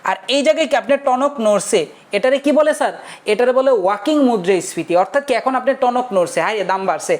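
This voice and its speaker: A man's voice: extremely high pitch, animated, fast. A young male teacher giving a casual online lecture, chatty and forever checking whether his students have understood. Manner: chatty, keeps asking students if they understood.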